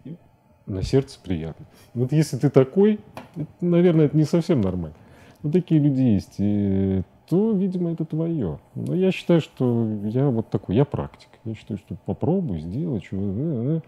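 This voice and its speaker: Seated at a desk in a TV studio, a middle-aged animation director gives a casual interview as a guest, hesitating and halting as he searches for words. His medium-pitched voice swings widely in pitch and sounds mellow with a breathy edge, and the high frequencies are cut off.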